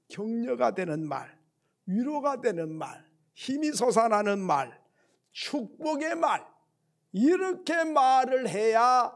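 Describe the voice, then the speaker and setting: A man's voice: high voice, creaky, husky. A man preaching a sermon, telling a story and acting out its voices. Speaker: pastor.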